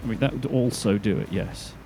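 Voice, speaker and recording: A man's voice: lowish voice, fairly quick, mellow. A man chatting playfully while playing a building game with a friend. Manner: chatty, playful, self-mocking. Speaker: co-host and player. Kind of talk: casual gameplay chat. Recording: noisy background.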